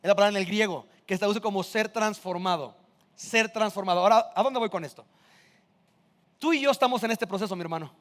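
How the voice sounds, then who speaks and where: Pastor guy in his 30s, highish voice, preaching casual with lots of questions to the crowd. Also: fast talker, in a large hall. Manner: conversational preaching with rhetorical questions. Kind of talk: sermon.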